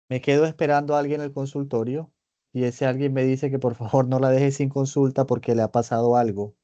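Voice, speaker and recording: A man presenting a clinical case in a seminar, talking it through in a measured, reflective way and often checking in with his listeners. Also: mid-range voice, dark tone, no echo, lo-fi sound. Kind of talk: seminar lecture, thinking aloud. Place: online meeting.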